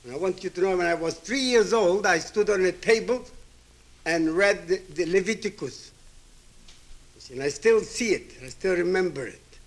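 This man in his seventies comes from Ukraine and grew up speaking Hebrew and Yiddish natively. His voice sits high and keeps a moderate pace as he gives a reflective public address, driving points home emphatically with rhetorical questions and repetition.

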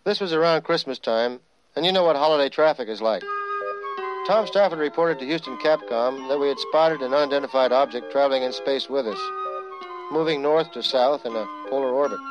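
A man's voice: mid-range voice, brisk. A man reading a scripted documentary narration in a wry, storytelling manner. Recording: slightly dull sound, music behind.

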